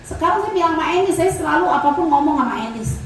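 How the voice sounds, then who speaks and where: A woman's voice: high-pitched, quick pace. A woman giving a conversational church testimony, telling family stories and speaking straight to the congregation. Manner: lively storytelling, acting out family dialogues; keeps addressing the congregation directly. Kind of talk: conversational sermon with storytelling. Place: large church hall. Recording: very echoey hall, mic far off, faint noise.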